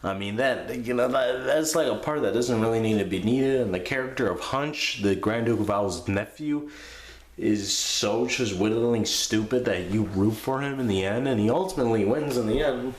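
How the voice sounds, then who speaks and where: A man's voice: mid-range voice, normal speed. A man giving a casual, unscripted movie review, sounding drunk, crude and rambling as he loses his thread. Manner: crude, profane. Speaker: host of a movie review show. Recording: echoey room with background noise.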